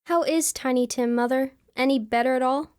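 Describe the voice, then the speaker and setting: A woman's voice: sits high, fairly even intonation, a little fast, a little mellow, natural voice. A woman playing an affectionate young adult daughter in a student radio drama, speaking in an eager way.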